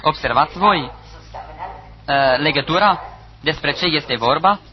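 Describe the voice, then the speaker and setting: A man preaching a sermon, reading scripture aloud with emphatic pauses. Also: fairly high pitch. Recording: dull lo-fi recording with audience.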